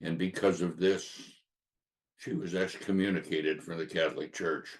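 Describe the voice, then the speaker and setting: Hosting a podcast through a sore throat, this hoarse man talks over his faith story in a relaxed way. His low voice keeps a fairly even intonation, and his earnest delivery stumbles along with frequent filler pauses.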